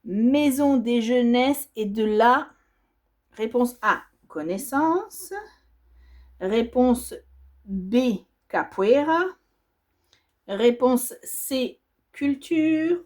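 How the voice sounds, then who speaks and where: While working on her embroidery, a woman vlogger reads quiz options aloud and thinks them over, hesitating as she goes. Her voice is a little high and a little mellow, animated but extremely slow, with frequent pauses.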